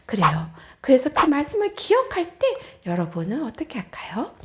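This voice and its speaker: A woman's voice: high voice, wildly swooping pitch, moderate pace, slight background noise. A woman evangelist giving a children's sermon, telling the story with animation and asking the children questions.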